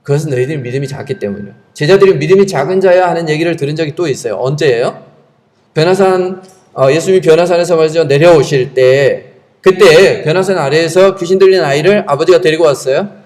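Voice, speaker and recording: A man's voice: fairly high pitch, fast, darkish tone. A man preaching a Sunday sermon as pastor, emphatic and asking the congregation rhetorical questions. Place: church sanctuary.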